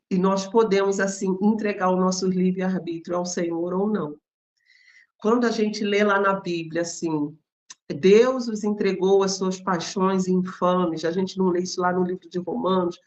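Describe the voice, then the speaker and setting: A woman's voice: on the low side, darkish tone, highs cut off. A woman with a Brazilian Portuguese accent gives an informal devotional Bible talk. She speaks conversationally, addresses her listeners directly and explains with everyday examples. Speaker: Bible teacher.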